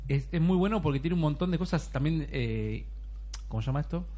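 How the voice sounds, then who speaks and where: A man's voice: a little high, expressive, fairly quick, dark tone. A young man with an Argentine Spanish accent, eagerly explaining a video game to friends in casual chat. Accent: Rioplatense Spanish. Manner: eager, explaining with many restarts. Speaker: panelist showing a game.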